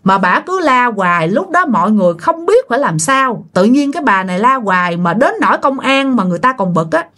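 In a high, brisk voice with few pauses, a woman relates a ghost story conversationally. Her pitch rises and falls in lively swings, and she frequently speaks directly to her listeners.

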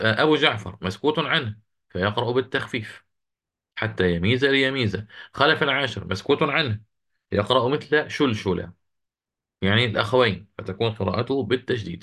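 A man teaching a lesson on Quranic recitation, answering students' questions and slowly chanting the verses he quotes. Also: lowish voice, fairly bright tone.

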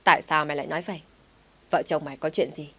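Lady doing a bossy nosy auntie in a storybook, blunt scolding, low voice. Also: steady tone, rapid-fire, fairly bright tone, breathy edge, full character voice. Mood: stern. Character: stern, nosy middle-aged village aunt.

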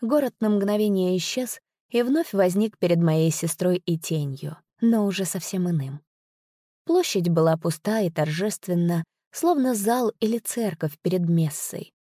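A woman narrating a story in a measured, unhurried storytelling manner. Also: lowish voice, animated, dark tone, dry recording, studio quality. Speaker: audiobook narrator. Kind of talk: scripted narration.

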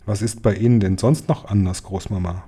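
A man's voice: fairly low pitch, fairly even intonation, fairly quick, mellow, husky. A man voicing a curious, anxious young boy in a storybook, asking eager, protesting questions.

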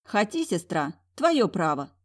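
A woman's voice: on the low side, very animated, a little slow. Woman voicing a stern, commanding young heiress. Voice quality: firm, commanding.

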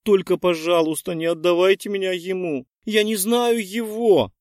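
A man's voice: a little high, expressive, takes it slowly, a little mellow, dry recording, studio quality, voice pushed up. A man voicing a young female witch student who pleads theatrically and with feigned innocence. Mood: pleading.

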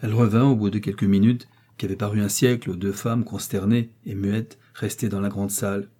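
Man narrating a novel, dark and husky. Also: fairly low pitch, little pitch movement, brisk. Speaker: audiobook narrator.

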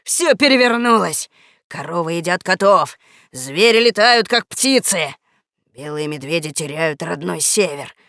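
A woman voicing a gruff, angry male bear in a storybook reading, roaring her lines. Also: lowish voice, expressive, measured pace, no room sound, clean studio sound. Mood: indignant. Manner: roaring, indignant shouts.

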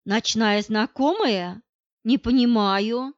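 A woman reading the lines of a gruff, flustered, boastful grey-haired middle-aged man in an audiobook, speaking curtly and grumbling. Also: a little high, takes it slowly, no echo, dull audio. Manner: curt, grumbling.

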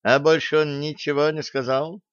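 A bossy young woman, as a man puts her on in an audiobook, snappish and quick to anger. Her voice is smooth and clear. The recording is dry and a little dull. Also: a little high, little pitch movement, dry recording, pitched above the performer's own voice, natural voice.

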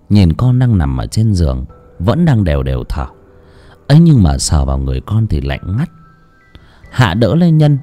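A man narrating a horror audiobook dramatically. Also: low voice. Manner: dramatic, expressive. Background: faint music.

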